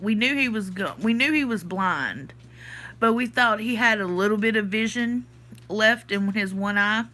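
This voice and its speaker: A Southern US woman with a Southern accent chats casually on a livestream, a podcast host reading and answering comments from her chat. Her mid-range voice is bright and forceful, though her sinuses leave her sounding stuffy.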